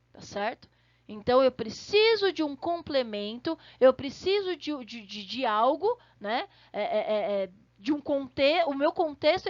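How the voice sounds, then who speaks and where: A woman's voice: sits high, no echo, lo-fi sound. A woman teacher giving an online lesson, explaining step by step and often checking in with the class. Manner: explanatory, checks in with frequent tag questions.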